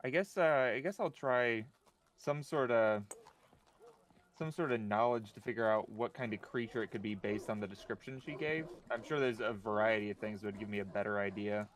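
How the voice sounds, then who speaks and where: A man's voice: fairly low pitch, normal speed. A man talking casually as a player in a tabletop game. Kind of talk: casual chat.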